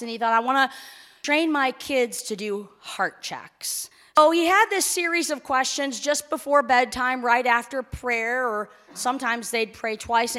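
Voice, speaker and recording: A woman in her forties, a pastor giving a conversational sermon in a church, turning excited when she announces news. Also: sits high. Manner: warm conversational preaching, rising to excited announcements. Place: church sanctuary. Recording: long hall reverb.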